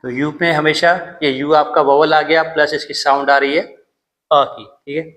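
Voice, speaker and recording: A man's voice: on the high side, little pitch movement, normal speed, a bit bright, poor audio. A man teaching English grammar in Hindi, patiently repeating each point and checking in with "theek hai". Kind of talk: classroom grammar lesson.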